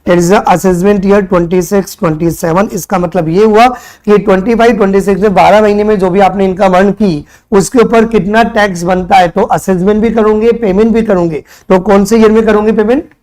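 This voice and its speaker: A man's voice: high-pitched, steady tone, a little fast, few pauses, darkish tone. A young man from India giving a classroom lecture, chatty, throwing questions at his students and mixing in English terms. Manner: conversational, quizzes students with rhetorical questions; mixes Hindi with English terms. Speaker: tutor.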